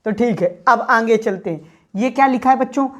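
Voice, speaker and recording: Woman teacher drilling grammar to students. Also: a little high. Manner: repeats questions to students and answers them; sounds out letters slowly. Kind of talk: classroom grammar lesson.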